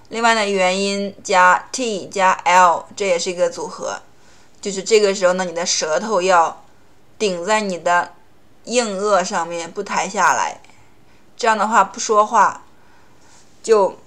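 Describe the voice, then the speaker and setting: Woman, pronunciation teacher, explanatory, slow repeated example words, language lesson. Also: mid-range voice, fairly bright tone. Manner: explains rules in Chinese, then repeats English example words slowly.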